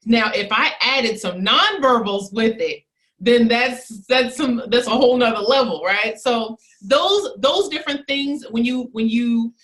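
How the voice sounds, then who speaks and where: A woman's voice: a little high, measured pace, fairly bright tone. A woman in her thirties, an etiquette teacher as an interview guest, explaining her methods in an instructive way and acting out example sentences with shifting emphasis. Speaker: charm academy owner and etiquette teacher.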